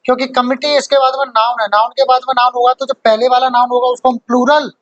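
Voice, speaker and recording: A man's voice: extremely high pitch, flat delivery, quick pace, a bit bright, muffled recording. A man teaching an exam-prep grammar lesson, joking with his students, quizzing them and laughing often.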